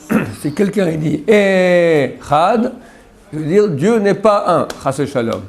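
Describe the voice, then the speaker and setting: A man's voice: a little high, darkish tone. A rabbi giving a religious lesson, explaining step by step and demonstrating pronunciations to his students. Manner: addresses students directly with frequent "d'accord?". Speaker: rabbi teaching a class.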